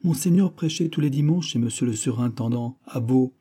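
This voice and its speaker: A man's voice: mid-range voice, brisk, mellow, husky, close to an everyday voice. A man voicing a pious, fussy old sacristan turned schoolmaster, with a fat, fluty voice and a prim, scolding manner.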